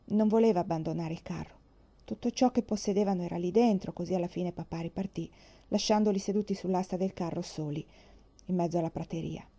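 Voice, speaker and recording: A woman reading a children's novel aloud, narrating in a calm, measured way. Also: fairly low pitch. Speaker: audiobook reader. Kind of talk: scripted storybook narration. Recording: muffled lo-fi recording.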